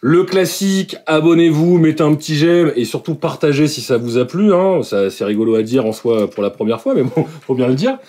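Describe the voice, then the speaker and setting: A man's voice: fairly high pitch, expressive, fairly quick, few pauses, dark tone. A young man narrating as game master of a tabletop role-playing game, hesitant with many fillers.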